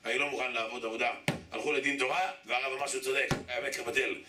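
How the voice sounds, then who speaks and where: A man's voice: medium pitch, fairly even intonation, recorded from a distance. A man giving an emphatic sermon as a rabbi, telling stories and acting out their characters while he repeats appeals to his listeners. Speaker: rabbi giving a Torah lesson. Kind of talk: sermon with storytelling. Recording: echoey hall, speaker away from mic, faint hiss.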